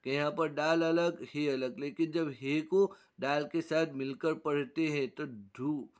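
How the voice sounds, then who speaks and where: Male teacher, fairly high voice, slow and drilling, repeats every word. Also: steady tone. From Gujarat, India. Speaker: Urdu teacher. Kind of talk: reading-primer lesson.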